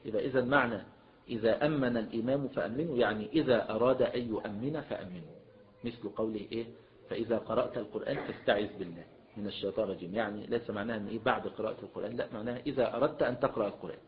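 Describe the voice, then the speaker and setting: A man's voice: fairly low pitch, racing. A man with an Egyptian accent teaching a religious lesson as a sheikh, mixing classical and colloquial Arabic and often prompting listeners with a questioning "what?". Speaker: sheikh teaching Islamic jurisprudence. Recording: dull lo-fi lecture recording.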